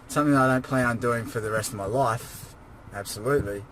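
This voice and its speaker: Sitting in his car after a workout, an exhausted, drained fitness vlogger preparing for a bodybuilding show rambles through a casual personal rant, weary but pushing himself on. His medium-pitched voice moves at a quick pace, with a crowd in the background and noisy car ambience around him.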